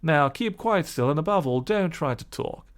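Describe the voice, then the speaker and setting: A man voicing a kindly, genteel gentleman motorist in a storybook reading, polite and solicitous. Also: on the high side, lively intonation, normal speed, voice pushed up, lightly acted. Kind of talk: storybook audiobook acting.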